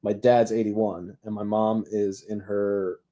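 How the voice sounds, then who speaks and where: A man's voice: on the low side, level tone, slow pace, mellow. A man in his thirties co-hosting a sports podcast, chatting casually with many fillers and hesitations. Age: 30s. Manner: hesitant, filler-heavy, laughing asides. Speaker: podcast co-host.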